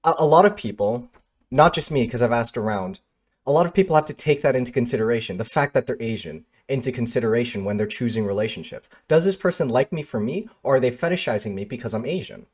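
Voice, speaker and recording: A young man livestreams in a loose, conversational way, speaking candidly and cursing casually. His voice sits at a mid pitch but swings up and down with lively intonation as he reacts to chat. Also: fast talker. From Michigan, United States. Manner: candid, frustrated, swears casually, answers chat.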